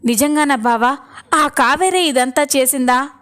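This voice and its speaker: An angry young woman presses her brother-in-law for the truth, fierce and accusing, read by a woman in her own voice. The pitch is high and light in this storybook retelling. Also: a little slow, fairly bright tone. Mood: probing.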